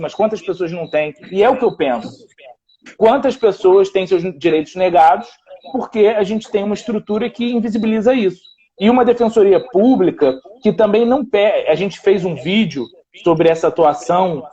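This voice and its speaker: Animated Brazilian man, muffled call audio. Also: on the high side. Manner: animated, quoting others in dialogue. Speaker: public defender. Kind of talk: storytelling in a live panel talk.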